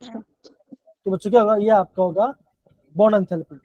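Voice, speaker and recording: A man's voice: normal speed, no room sound. A male chemistry teacher with a Himachali Hindi accent, giving a live online class and repeating his questions to the students over and over. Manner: repetitive, keeps calling the students "बच्चों". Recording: dull, dry low-fi online class audio.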